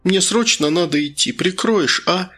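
A woman's voice: fairly low pitch, animated, fairly quick, a bit bright, breathy edge, voice pushed up, heavily acted. A man voicing an earnest young woman who works in a small-town museum and asks favors with a pleading manner. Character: young woman, museum worker, polite but firm.

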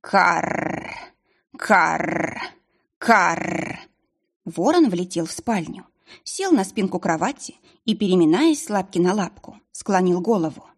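A woman reading a fantasy audiobook in a measured, expressive storytelling manner. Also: lowish voice, breathy edge. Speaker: audiobook narrator. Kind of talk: scripted audiobook narration.

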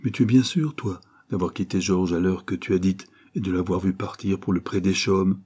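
A man reading an audiobook voices a gentle, anxious mother who pleads with her son. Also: sits low, fairly even intonation, moderate pace, slightly rough. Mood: pleading.

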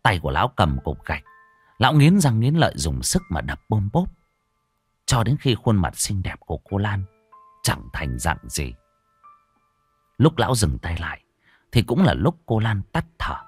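A man narrating a ghost story theatrically, moving from hushed to urgent. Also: on the low side, big pitch swings, moderate pace, long pauses, husky, dry recording. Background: faint music.

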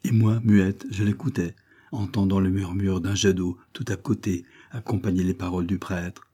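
Husky deep-voiced man narrating. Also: level tone, normal speed, mellow. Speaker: audiobook reader. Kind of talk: scripted narration.

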